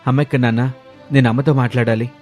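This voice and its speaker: A man's voice: mid-range voice, steady tone, a little mellow, soft background music, natural voice. A man voicing a worried young husband who talks earnestly and protectively in a storybook tale. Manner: earnest, rising to a quick scolding.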